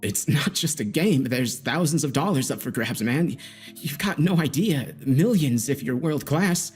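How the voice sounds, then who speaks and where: For a dramatic audio story, a man voices a nervous young male gamer under interrogation who is defensive, agitated, and self-justifying. His voice is medium-pitched, husky, and animated at a measured pace, with background music playing behind it.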